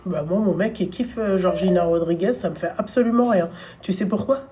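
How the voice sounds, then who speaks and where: A woman's voice: lowish voice, brisk, warm tone, slight background noise. A woman hosting a live call, chatting casually and teasing her caller, often breaking into laughter. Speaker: live stream host.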